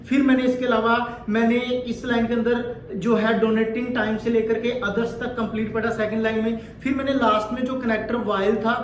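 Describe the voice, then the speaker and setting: A man's voice: very high voice, a little hiss or hum. A man giving a direct, instructive exam-coaching lesson, repeating his points as he explains. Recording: echoey room with faint ambience.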